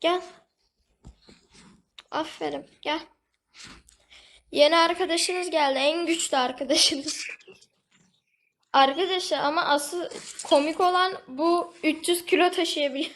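A woman's voice: sits high, steady tone, unhurried, long pauses, a bit bright, a little hiss or hum. A woman giving casual, chatty commentary over her gameplay, talking to the game animal and to her viewers. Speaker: gaming video host.

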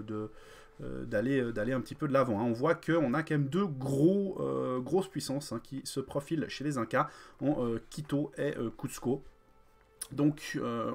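Male streamer, mid-pitched, halting delivery full of fillers, live game commentary over faint music. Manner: hesitant, many fillers, greets chat viewers.

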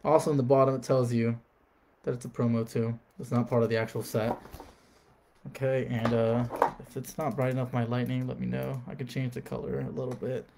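Man, casual live stream chat, mid-pitched voice, faint background hiss, home setup. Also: level tone, brisk, gravelly, darkish tone. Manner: chatty, reads out card names, talks to viewers. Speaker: card-opening streamer.

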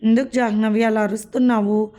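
A woman reading a storybook voices a gentle, anxious young husband who coaxes his wife. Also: on the high side, little pitch movement, fairly quick, natural voice. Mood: coaxing.

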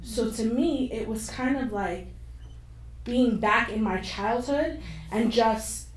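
Young woman, frank and animated storyteller, higher voice, roomy hall, heard from afar. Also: slow. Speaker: panelist. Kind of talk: candid personal story at a panel discussion. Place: stage of a screening room with an audience. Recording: echoey hall from far off, faint noise.

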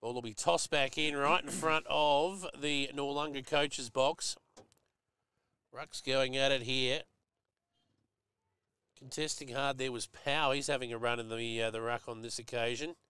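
A man's voice: mid-range voice, fairly even intonation, measured pace, pushed and bright, smooth, dry recording. An Australian man giving live football commentary and analysis, chatty and folksy, jumping up sharply at big hits.

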